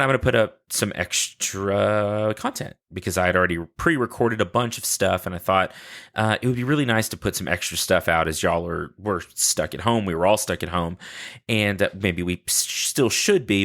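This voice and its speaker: A sleepy podcast host talks solo, unscripted and casual, rambling with enthusiasm and self-deprecating asides. His voice sits on the low side with a fairly bright tone.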